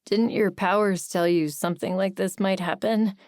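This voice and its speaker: A woman's voice: medium pitch, steady tone, normal speed, no echo, studio quality, natural voice. A woman voicing a sarcastic, teasing male best friend who works as a private eye, in an audiobook. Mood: wry. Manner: sarcastic, teasing, then gentle. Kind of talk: audiobook character voice.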